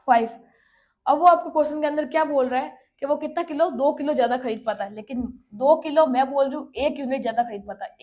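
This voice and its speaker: A woman teaching an exam-prep maths lesson, working through problems step by step, often checking in with "okay" and reading English questions out slowly. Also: high voice, darkish tone. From India. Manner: explains step by step, checking with "ठीक है".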